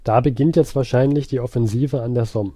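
A man's voice: medium pitch, steady tone, brisk, mellow, husky, no room sound. A man co-hosting a casual history chat, asking dry questions. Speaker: podcast co-host.

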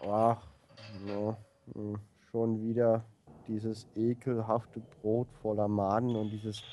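A man's voice: fairly low pitch, a little mellow, slight background noise. A man playing a grumpy, boastful prisoner who grumbles and curses theatrically, in a comedy audio play. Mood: grumbling.

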